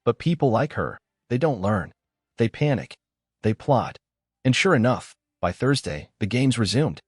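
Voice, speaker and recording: A man narrating a first-person story in a calm, measured, scripted way. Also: medium pitch, slightly rough, dry recording, clean studio sound.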